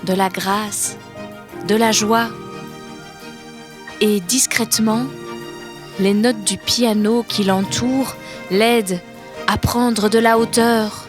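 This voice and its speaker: A woman narrates a children's picture book in a slow, soft, expressive reading voice of middling pitch. Gentle music runs under her words. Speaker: storyteller.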